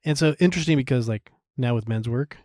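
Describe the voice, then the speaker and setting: Podcast guest, man, mid-pitch, animated storyteller who acts out his own past thoughts; close mic, dry room. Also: quick pace, no echo. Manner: frequent fillers and restarts, laughs while telling. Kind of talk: candid interview storytelling.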